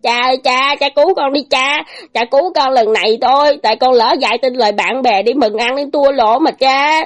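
A woman's voice: sits high, brisk, pitched above the performer's own voice, natural voice. A spoiled, cowardly young man whines and begs tearfully, voice raised and pleading, as a woman puts him on. A storybook wastrel always wanting rescue. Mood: begging. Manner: whining, sobbing pleas.

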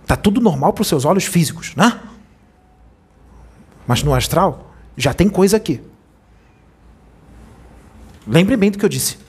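Man, spiritual medium, channeled sermon, somewhat high voice, husky, admonishing, rhetorical questions. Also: expressive, measured pace, long pauses, darkish tone.

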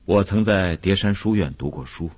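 An actor playing a calm, unbending male revolutionary prisoner from Yiyang, in a measured, dignified radio drama voice. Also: low-pitched, no room sound. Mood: calm, earnest. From Yiyang, China.

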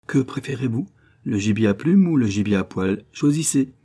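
Man doing cocky teen forester, mocking and proud, dark husky tone. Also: mid-range voice, animated, normal speed.

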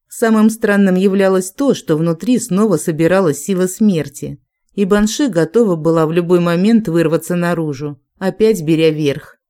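Audiobook narrator, scripted fantasy reading, even and unhurried, mid pitch.

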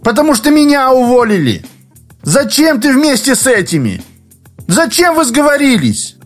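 A stubborn, fired young office worker, as a man voices him with a lively voice that swings up and down. He speaks bluntly and presses his case in a storybook reading, exasperated and pleading. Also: a little high, a little slow, breathy edge, faint music behind, voice pushed up, exaggerated voice. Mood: desperate, shouting.

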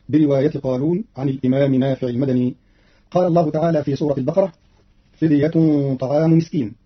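Fast husky male radio announcer. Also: a little high. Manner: measured, instructive delivery. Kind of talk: formal explanatory narration. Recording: dull lo-fi archival radio recording.

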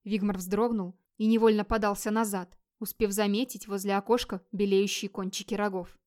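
A woman's voice: mid-range voice, little pitch movement, moderate pace, a little mellow. Woman narrating a tense fantasy audiobook.

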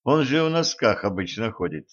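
A man's voice: medium pitch, big pitch swings, moderate pace, fairly bright tone. Give me a man playing a cheerful, joking young man with a wry edge, in a muffled audiobook recording. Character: cocky, jokey young man, a trainee fighter.

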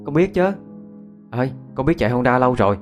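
A man's voice: mid-range voice, expressive, fast, a little mellow, soft background music, voice pushed up, lightly acted. A man with a Southern Vietnamese accent voicing a teenage girl, possessed and turned brash, in a spoken ghost story. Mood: cocky.

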